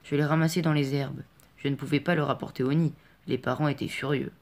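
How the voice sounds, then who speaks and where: A man's voice: mid-range voice, fairly even intonation, fairly quick, darkish tone, close to an everyday voice. A man reading as a pleading, frightened boy. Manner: pleading, urgent. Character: frightened defiant peasant boy. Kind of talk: audiobook character reading.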